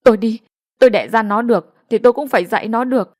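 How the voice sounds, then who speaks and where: A woman voicing an old village mother who scolds loudly and wails in grief. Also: fairly high pitch, fast, dry recording, studio quality, close to an everyday voice. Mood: wailing. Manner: scolding and wailing.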